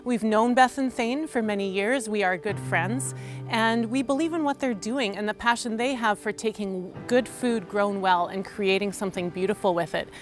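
A woman speaks earnestly as a farm partner of the restaurant. Her voice is mid-pitched, and faint music runs underneath. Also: moderate pace. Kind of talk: documentary interview.

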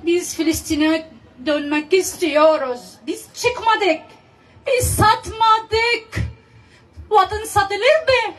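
A woman in her fifties with an Arabic accent, giving a public speech in halting, broken non-native Turkish. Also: extremely high pitch. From Palestinian, raised in Lebanon. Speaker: guest speaker at a rally. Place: outdoor square, stage with PA. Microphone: podium mic, filmed by far camera. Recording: distant mic, outdoor loudspeaker sound.

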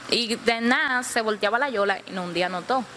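Woman telling her survival story, kinda high voice, lots of noise behind her. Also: a little fast, pushed and bright. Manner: vivid, acts out the voices of others. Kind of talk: emotional first-person storytelling.

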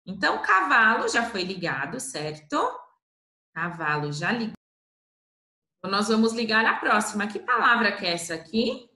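A woman with a Brazilian Portuguese accent teaching a slow, patient literacy lesson to first graders, stretching out syllables. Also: on the high side, big pitch swings, bright, forceful tone, reverberant.

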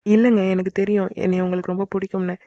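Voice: medium pitch, little pitch movement, rapid-fire, dark tone, dry recording, dull audio, natural voice. Figure: a voice actor doing a sweet eager young wife. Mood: sweet, pleading. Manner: sweet, pleading. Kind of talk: cartoon voice acting.

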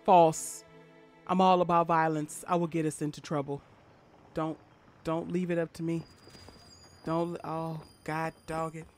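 A woman's voice: low voice, little pitch movement, measured pace, long pauses. A woman streaming a game live, chatting casually and playfully between bits of play. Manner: chatty, playful, laughs easily. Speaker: gaming streamer. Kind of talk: casual live gameplay chat. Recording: game music playing underneath. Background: game soundtrack.

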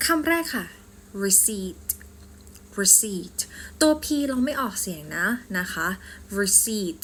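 A woman with a Thai accent, teaching English pronunciation in a polite, deliberate way and saying sample sentences slowly. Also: high-pitched, very animated, a bit bright, a little hiss or hum. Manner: slow deliberate example sentences, polite particles. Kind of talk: scripted language lesson.

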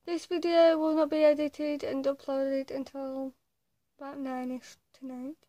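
A young woman with a tongue piercing chats casually to her viewers. Her voice is quite high and fairly even, and she moves slowly, hesitating between short phrases. The sound is close and dry. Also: dry recording. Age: young adult. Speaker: vlogger. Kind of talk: casual chat to camera. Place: small attic bedroom, indoors. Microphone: phone or webcam at arm's length.

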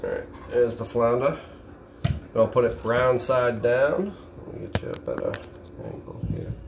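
A middle-aged man with a Boston accent shows how to fillet a fish in his home kitchen, giving plainspoken step-by-step instructions as he works with his hands. His mid-range voice is unhurried and creaky. A camera sitting on the counter picks him up along with some background noise.

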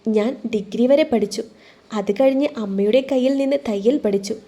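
A shy, wounded young woman in a spoken story, played by the woman narrator, speaking softly and sulkily. The pitch sits high and the tone is dark and mellow. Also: moderate pace, natural voice. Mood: plain. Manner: soft, pouting, tearful. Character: young woman, timid, hurt and sulky.

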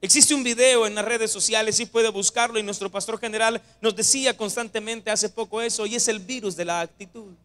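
High-voiced preacher man. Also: a little fast, few pauses. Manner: animated, addresses listeners as brothers. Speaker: pastor. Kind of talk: sermon.

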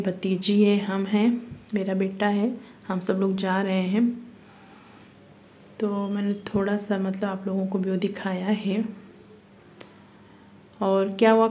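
A young woman with a Uttar Pradesh Hindi accent talks through her vlog in a loose, chatty way, leaning on filler words. Her voice is mellow and warm, sitting in a middle pitch. She keeps an even, flat tone with little rise and fall. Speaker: vlogger. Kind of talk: casual vlog narration.

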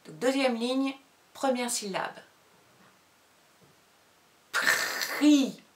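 A woman teacher dictates to young children at a very slow, patient pace, pausing long between words. She calls out each syllable loudly and clearly. Her voice sounds a little distant and echoes around an indoor room. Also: medium pitch. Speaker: primary school teacher.

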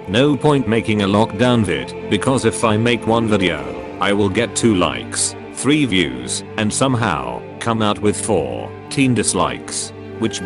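A synthetic male text-to-speech voice reading a YouTuber's channel update in a flat, evenly paced computer manner. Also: on the low side.

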